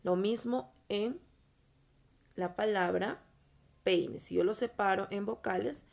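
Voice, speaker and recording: A woman's voice: medium pitch, slow, creaky, darkish tone. A woman teacher patiently explaining a lesson to schoolchildren, often checking in with short questions. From Peru. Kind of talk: recorded online class explaining over slides.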